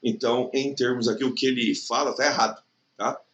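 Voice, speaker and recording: A man teaching an exam prep lesson in Brazilian Portuguese, chatty and checking in with the listener often, stretching words out slowly to show the stressed syllable. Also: mid-range voice, steady tone, fairly bright tone, muffled recording. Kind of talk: recorded online lesson.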